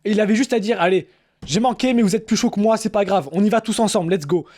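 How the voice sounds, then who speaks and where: A man's voice: sits high, fast, a little mellow. A man commenting casually and jokingly as he reacts to a show, full of slang and laughter. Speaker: reaction streamer.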